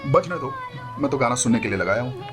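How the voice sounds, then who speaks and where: A man's voice: mid-range voice, fast, music in the background, voice pushed down, lightly acted. A man voicing an easygoing young man who teases and jokes in an offhand manner. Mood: teasing. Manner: teasing, joking, offhand.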